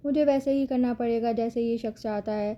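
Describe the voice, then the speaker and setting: A woman reading the part of a frightened but defiant young woman held captive, pleading and sharp-tongued. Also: a little high, fairly even intonation, muffled recording, close to an everyday voice. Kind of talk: audiobook character reading.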